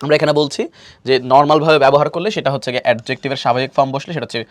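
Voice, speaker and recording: A man's voice: medium pitch, steady tone, rapid-fire, no echo. Talkative man teaching a class. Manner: explanatory, asks and answers his own questions; leans on stock fillers and repetition. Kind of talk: online admission-prep lecture.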